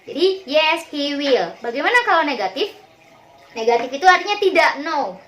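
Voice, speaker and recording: High-voiced woman teacher for children. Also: big pitch swings, normal speed, a bit bright, slight background noise. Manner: patient and repetitive, mixes in English examples; addresses pupils kindly as children. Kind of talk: online lesson for young schoolchildren.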